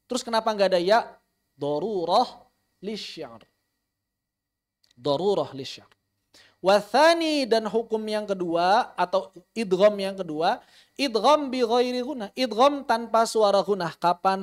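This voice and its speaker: A man teaching an online Quran recitation lesson, explaining rules patiently, repeating key terms and demonstrating recitation. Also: sits high.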